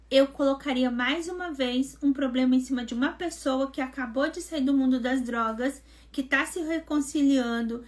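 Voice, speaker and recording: A woman mentor hosting a live devotional, telling a personal testimony in a lively, conversational way and acting out what people said. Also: sits high. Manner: animated storytelling, acting out quoted dialogue; conversational, addresses listeners as gente.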